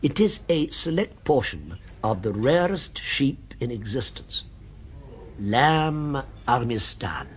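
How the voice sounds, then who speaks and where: Medium in pitch, very animated yet unhurried, a male actor voices a cultured man fixated on a restaurant. The 1970s radio drama, heard on an old broadcast recording, has him sounding knowing, earnest, precise and insinuating.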